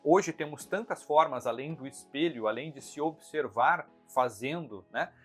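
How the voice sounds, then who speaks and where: Man, husky voice, slightly high, measured teaching tone, soft music underneath. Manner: measured, didactic, repeats key points. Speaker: mentor for consultants. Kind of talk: talking-head lesson.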